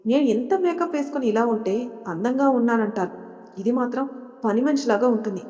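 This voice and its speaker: A woman's voice: fairly high pitch, brisk, mellow, big-room sound, close to an everyday voice. A woman doing a spoiled, scornful young bride-to-be. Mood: jealous. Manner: scornful, bossy. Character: spoiled, vain young woman, sharp-tongued and jealous.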